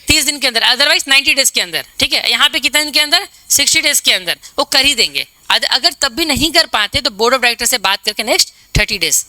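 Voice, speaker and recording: Bright, crisp woman teaching exam prep. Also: a little high, no echo, poor audio. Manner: reads English definitions slowly, then explains in casual Hindi with frequent check-ins; repeats points for students to remember. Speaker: commerce exam tutor.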